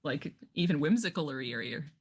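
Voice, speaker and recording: A woman's voice: low-pitched, expressive, fairly quick, breathy edge. A woman co-hosting a casual podcast over a call, bossy and teasing, swearing freely and laughing often. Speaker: podcast co-host. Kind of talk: casual chat.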